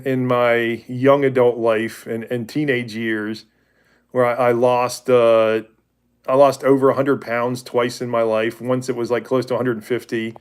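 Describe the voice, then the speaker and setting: A man's voice: mid-range voice, smooth. A man in his forties hosting a livestream, talking about faith with viewers in a rambling, candid way that often restarts and corrects itself. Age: 40s. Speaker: livestream host. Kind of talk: casual faith talk with viewers.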